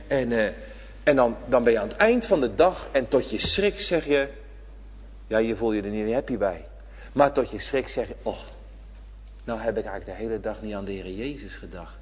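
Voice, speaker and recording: A middle-aged male pastor preaches in a church, his voice husky and his pitch swinging widely between hushed asides and loud, stretched-out declarations. The long reverb of the hall trails every phrase, and he sometimes drifts off the mic. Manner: preaching with sudden loud, drawn-out emphasis. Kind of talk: sermon.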